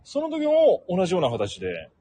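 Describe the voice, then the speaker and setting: A man's voice: high-pitched, wildly swooping pitch, moderate pace, slightly rough. A man, an announcer hosting a radio interview, attentive and chiming in with frequent short replies. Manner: attentive, constant soft backchannel replies. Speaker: announcer, host.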